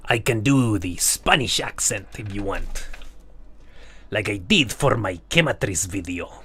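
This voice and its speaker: A man's voice: fairly low pitch, expressive, a little slow, bright, forceful tone, slight background noise. A man streaming a video game, chatting casually and loosely with his chat, swearing freely and laughing at himself.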